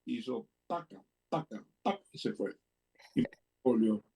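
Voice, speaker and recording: A man's voice: medium pitch, expressive, a little slow, creaky, warm tone, distant mic. An older man with a Venezuelan Spanish accent tells stories in an easy, playful way. He acts out the people he quotes as he goes. He sits a little back from the mic. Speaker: guest, interviewer's father. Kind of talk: anecdotal storytelling.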